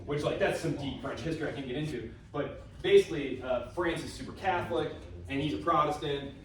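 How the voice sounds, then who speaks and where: A man's voice: on the high side, a little fast, fairly bright tone, slight background noise. Guy teaching a class, super casual, lots of um and like, mic way across a really echoey room. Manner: chatty, informal, with many fillers and asides. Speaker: history instructor. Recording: very echoey room recorded from a distance.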